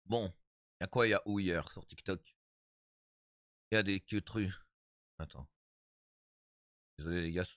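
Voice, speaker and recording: A man of thirty-five chatting casually with his stream viewers, animated and repetitive, calling them his brothers. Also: deep voice, moderate pace, long pauses, dry recording, studio quality. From Italian background. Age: 30s.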